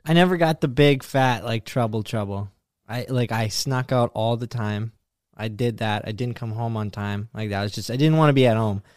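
A young man on a podcast telling a relaxed, self-deprecating story in casual chat. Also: medium pitch, normal speed, dry recording, studio quality. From United States. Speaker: podcast host.

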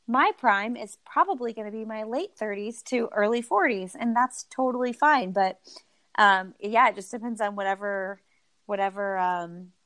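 A woman in her thirties chats casually as a podcast guest about her own running, laughing often and poking fun at herself. Her mid-range voice has a fairly bright tone, recorded with no echo.

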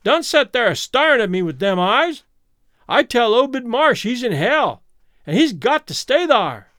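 A man's voice: very high-pitched, sing-song, unhurried, a bit bright, no echo, studio quality, pitched above the performer's own voice, heavily acted. A man voicing a mad, terrified old townsman, ranting in rustic speech. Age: older. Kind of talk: audiobook character voice.

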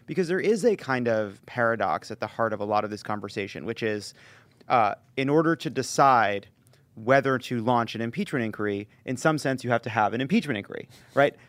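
A man explaining politics in a panel discussion, rephrasing haltingly as he reasons. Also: medium pitch, expressive, fairly bright tone, no room sound.

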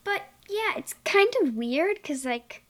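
A guest giving short, hesitant answers full of fillers in a casual chat. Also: female voice, sits high, expressive, slow pace, fairly bright tone.

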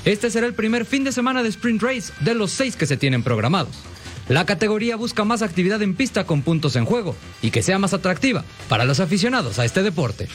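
A man's voice: sits high, sing-song, a little fast. A man reading scripted sports news narration as a reporter. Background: background music.

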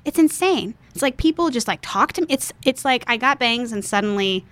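A woman chatting casually as a guest, talking quickly and laughing easily. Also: a little high, lively intonation, fairly bright tone. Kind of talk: casual chat.

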